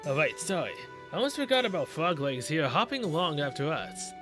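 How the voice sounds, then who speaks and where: A man's voice: a little high, big pitch swings, fairly quick, music in the background, pitched below the performer's own voice. A man doing a dry, mocking archer. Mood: sarcastic. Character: sardonic, world-weary male archer.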